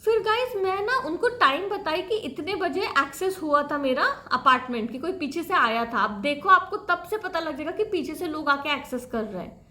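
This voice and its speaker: High-voiced woman, emotional vlog. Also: lively intonation, normal speed, sharp tone, echoey room. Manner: emotional, addresses viewers as guys, acts out others' lines. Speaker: vlogger telling her own story. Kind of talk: casual storytime vlog.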